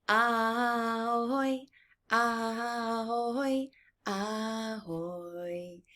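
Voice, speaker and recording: In a fairly high, slightly bright voice, a woman leads story time for young children. She speaks in a singsong manner, repeating words and posing questions to her young viewers before answering them herself as she reads aloud and teaches.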